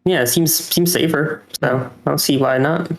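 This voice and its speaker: A man co-hosting a podcast, chatting casually in a hesitant, halting way. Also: on the high side, vocal fry, over a noisy crowd. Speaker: podcast co-host. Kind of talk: casual chat. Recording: echoey room sound.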